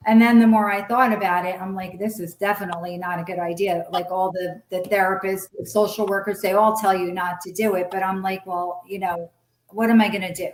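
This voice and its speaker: A woman's voice: medium pitch, brisk, a little hiss or hum. Blunt middle-aged woman, roomy echo. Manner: animated, acts out past conversations in quoted voices; blunt, swears freely. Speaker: guest sharing her story. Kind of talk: candid personal storytelling.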